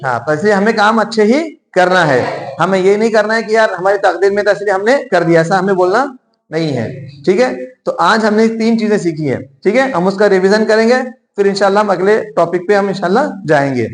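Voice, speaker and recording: High-voiced man teaching children. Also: animated, brisk. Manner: patient, repeats questions and prompts children to answer. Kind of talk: classroom teaching in call and response. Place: classroom with children.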